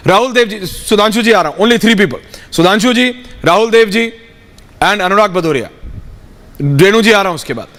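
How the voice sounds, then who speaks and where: A TV news anchor moderating a live panel debate, firmly cutting in to take back the floor. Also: female voice, mid-range voice, expressive, moderate pace, fairly bright tone, big-room sound. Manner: firm, cuts in repeatedly to take back the floor.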